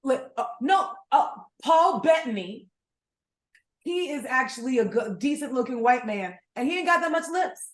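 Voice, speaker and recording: A woman co-hosting a podcast in casual chat, with a fairly high voice that swings widely in pitch. She talks bluntly and swears freely. The room gives her voice a noticeable echo. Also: expressive, normal speed. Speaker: podcast co-host.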